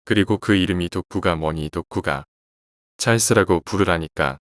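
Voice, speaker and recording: A man's voice: deep voice, moderate pace, fairly bright tone, no echo, studio quality. A man voicing a scolding middle-aged housewife. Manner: scolding, dismissive. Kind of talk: horror story reading.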